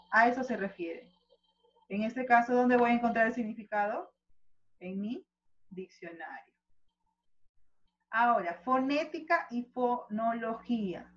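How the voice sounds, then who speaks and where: A Peruvian woman with a Peruvian accent, teaching a school lesson and explaining slowly with frequent rhetorical checks. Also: mid-range voice, a bit bright. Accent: Peruvian Spanish. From Peru. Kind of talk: online class lecture. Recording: slightly dull lo-fi audio.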